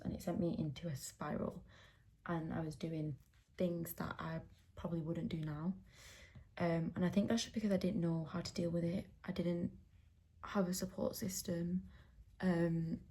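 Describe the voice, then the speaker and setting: With a warm, lowish voice, a young beauty vlogger rambles casually over her makeup routine, using lots of fillers as she gets ready indoors at home.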